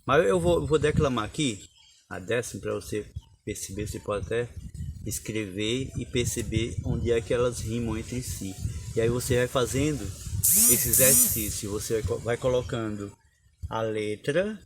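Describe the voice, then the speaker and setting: A man's voice: mid-range voice, expressive, moderate pace, noisy background. A man teaching a lesson on cordel poetry, explaining step by step and reciting verses.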